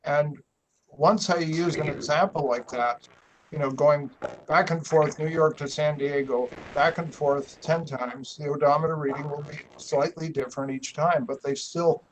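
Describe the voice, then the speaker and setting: A man's voice: a little high, fairly even intonation, moderate pace. Man with a noisy, clicking line. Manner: hesitant, anecdotal, many fillers. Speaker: committee member asking questions. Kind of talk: discussion in a video meeting.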